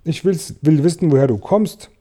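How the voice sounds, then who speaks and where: A loud, bossy police chief barking in a raised, strained voice, as a man puts him on for a storybook reading. The tone stays dark and mellow even when he yells. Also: mid-range voice, a little slow. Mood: shouting alarmed. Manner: shouting, excitable, bossy. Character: blustering big-city police chief, man.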